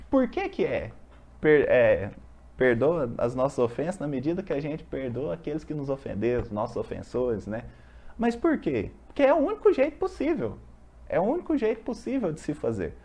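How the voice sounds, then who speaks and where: Husky, lively Brazilian study group leader. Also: medium pitch, normal speed. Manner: chatty, explains with everyday examples and rhetorical questions. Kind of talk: casual religious study talk, reading and explaining a text. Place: meeting room of a university study group.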